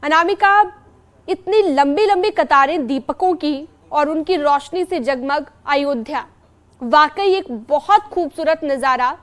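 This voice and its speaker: A woman news anchor with a high, light voice talks viewers through live pictures in a smooth, even studio delivery. She describes the scenes fluently and passes over to reporters in the field. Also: a little slow.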